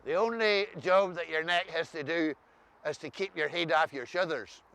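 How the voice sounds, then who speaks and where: A man with an Ulster Scots accent talks in a bright, fairly high voice. He explains dialect in an easy conversational way, with the wry touch of a storyteller. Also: normal speed, vocal fry. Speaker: co-host discussing dialect words.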